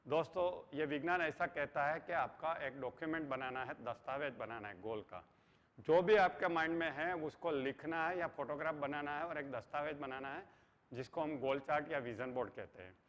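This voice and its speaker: A man's voice: a little high, moderate pace, a bit bright. Earnest man lecturing in an echoing hall. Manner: earnest, mixes English phrases into his talk. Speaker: motivational trainer. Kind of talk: motivational lecture. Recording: dull sound with long hall reverb.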